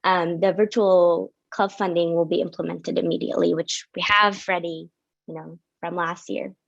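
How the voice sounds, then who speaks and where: With a fairly low, fairly even voice, a normal pace, and some vocal fry, a young adult woman from Syria explains student funding policies in her finance officer role. The video call presentation is casual and full of fillers, recorded as dull lo-fi audio with no room sound.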